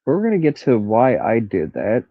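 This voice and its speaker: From a carport outdoors in the country, a nasal-voiced man runs a casual true crime livestream, rambling and pausing to look things up while crickets and cicadas sound in the background. His mid-range voice swings hugely in pitch at a moderate pace. The recording has phone-quality sound and no room sound.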